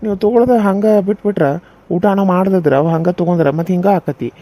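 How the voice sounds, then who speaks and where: A calm small-town male doctor, voiced by a cartoon performer, soothing and matter-of-fact, with a North Karnataka Kannada accent. His tone is dark and mellow at a middle pitch. It has the feel of a cartoon serial. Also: fast, close to an everyday voice. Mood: reassuring.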